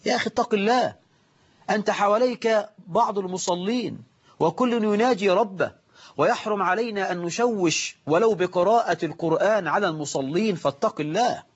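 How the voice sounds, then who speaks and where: A man with an Egyptian accent giving a lively religious lesson on prayer, imitating worshippers and scolding them, slowing down to recite quotations. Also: high voice, slightly rough, highs cut off. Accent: Egyptian Arabic. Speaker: preacher.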